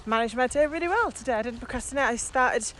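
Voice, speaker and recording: Her voice is high, a bit bright, and quick as she co-hosts a relaxed podcast on a walk through a village, explaining ideas conversationally. Background sound from outdoors makes the recording noisy.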